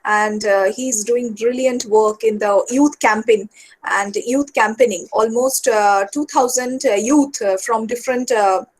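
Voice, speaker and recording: A woman hosting a webinar over a video call, full of fillers and warm praise. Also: a little high, measured pace. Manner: hesitant, many fillers and restarts, effusive praise. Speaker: webinar host. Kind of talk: casual webinar moderation.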